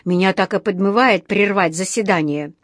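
A woman doing a grumpy male judge, curt and sharp, close dry sound. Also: medium pitch, moderate pace, no room sound, lightly acted. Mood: stern.

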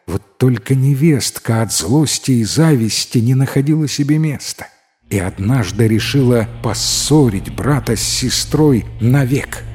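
A man narrating a fairy tale in an expressive, dramatic storytelling manner. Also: mid-range voice, a little slow. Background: faint music.

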